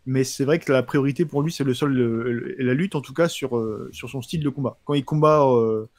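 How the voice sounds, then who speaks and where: Male, quick casual livestream talker, slight lisp with sh-like s, slangy sports chat with repeated words. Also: medium pitch, a little mellow, no room sound. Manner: slight lisp, slushy sh-like s sounds. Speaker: professional MMA fighter answering viewer questions.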